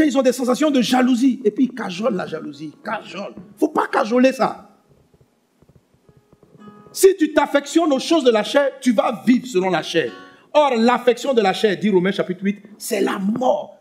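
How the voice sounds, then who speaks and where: A pastor preaching a sermon, swinging between loud emphatic lines and hushed ones. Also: male voice, extremely high pitch, animated, normal speed, husky, faint music behind.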